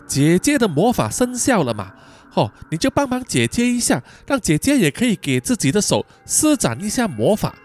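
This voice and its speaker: A man voicing a frightened young woman student who softly pleads and coaxes. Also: sits high. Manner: soft, pleading, coaxing.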